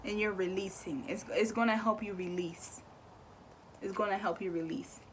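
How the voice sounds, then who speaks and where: A woman's voice: mid-range voice, fairly even intonation, normal speed, slight background noise. A young woman giving a casual spiritual card reading, chatty, repeating words and swearing offhandedly. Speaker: tarot and oracle card reader.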